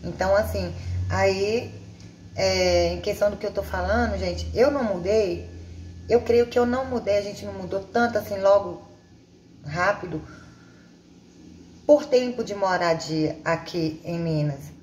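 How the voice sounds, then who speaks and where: A woman's voice: medium pitch, unhurried, long pauses, darkish tone. Chatty woman telling stories in an echoey room. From Bahia, Brazil. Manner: chatty, rambling, many restarts. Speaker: vlogger. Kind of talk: casual personal storytelling. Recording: echoey room with faint ambient noise.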